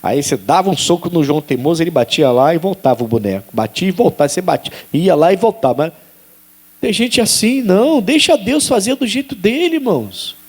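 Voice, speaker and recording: A male pastor preaching a sermon, animated, rising to sharp high exclaims and acting out dialogue. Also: a little fast, slightly rough. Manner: acts out quoted dialogue.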